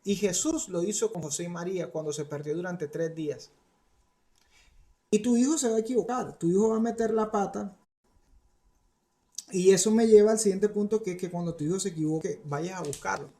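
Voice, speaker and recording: A man preaching in an animated, conversational way, dropping in playful asides. His voice sits fairly high for a man but has a dark, mellow color. A gravelly rasp runs through his words. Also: a little fast. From Colombia. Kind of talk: sermon to parents and youth. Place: studio.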